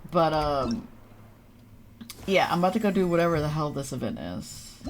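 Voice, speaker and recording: The recording is low quality, with a little hiss or hum, as a young adult streams a game from indoors over game music. Their medium-pitched voice is expressive and moderately paced, offering casual, self-deprecating remarks.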